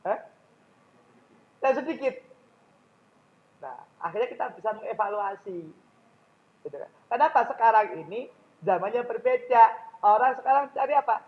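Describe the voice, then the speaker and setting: A man's voice: extremely high pitch, animated, normal speed, pauses often, muffled recording. A man with a Javanese accent giving a public speaking lecture in a mosque, often questioning his audience directly.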